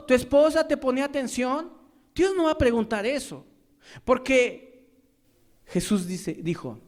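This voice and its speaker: High-voiced preacher, dramatic swings. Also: male voice. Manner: swings between loud raised lines and low quiet passages; acts out quoted complaints and rhetorical questions. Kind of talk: sermon.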